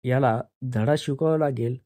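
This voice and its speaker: A man's voice: mid-range voice, normal speed, dry recording, lightly acted. Man voicing a bullying police inspector. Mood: mocking. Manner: mocking, shouting, threatening. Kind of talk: Marathi story narration.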